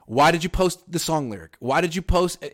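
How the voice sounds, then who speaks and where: Thirties male co-host, emphatic, wry sports banter with a lively, swinging pitch. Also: brisk. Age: 30s. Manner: emphatic, wry, quotes people in mock voices. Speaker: podcast co-host. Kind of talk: casual sports talk.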